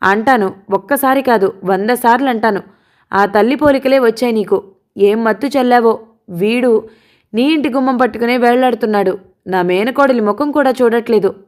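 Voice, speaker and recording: A woman voicing a scornful older mother who shouts, taunts and wails at her son's lover, in an audiobook. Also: mid-range voice, normal speed, lightly acted. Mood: furious shouting. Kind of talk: audiobook character voice.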